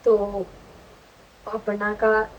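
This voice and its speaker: A young woman vlogger telling a personal story in an animated, chatty way, often checking in with the listener. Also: medium pitch, very slow, dull audio, slight background noise. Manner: animated, chatty, frequent "ठीक है" check-ins. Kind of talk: casual storytelling.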